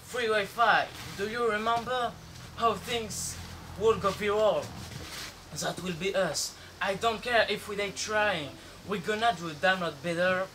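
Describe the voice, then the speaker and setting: A bossy, defiant runaway boy played by a man pushes his companions on in a bright, high voice. His tone turns mocking and insistent. Faint noise sits under the outdoor stage. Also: a little slow. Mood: urging.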